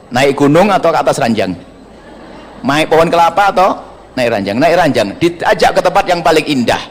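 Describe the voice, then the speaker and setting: A man preaching a sermon to an audience, teasing and humorous. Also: mid-range voice. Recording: long reverb of a large hall.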